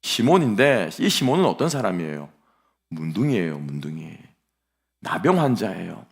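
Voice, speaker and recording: A low, gravelly male pastor preaching a sermon. His pitch swings widely as he questions the congregation and acts out scornful onlookers. He delivers it in a church sanctuary. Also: very animated, moderate pace.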